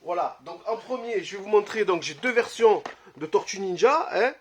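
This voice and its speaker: High-voiced man, blunt and sweary. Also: lively intonation, normal speed, breathy edge. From Marseille, France. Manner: blunt, swears freely, trails off into filler "euh". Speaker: retro game collector vlogger. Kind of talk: casual vlog talk to camera. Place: his home, early morning.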